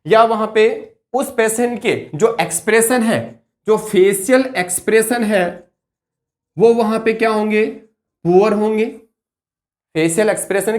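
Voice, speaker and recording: This high-voiced male nursing tutor lectures with exams in mind, answering his own questions as he goes. Key terms get special emphasis as he slows and delivers them one word at a time.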